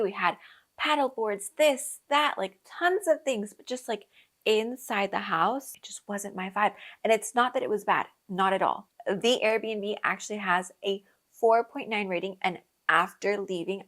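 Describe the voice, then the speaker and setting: A young woman born in Colombia and raised in the US hosts a podcast, chatting casually about her travels. Her mid-range voice has a fairly bright tone, and she uses lots of fillers, laughs often, and acts out her own reactions.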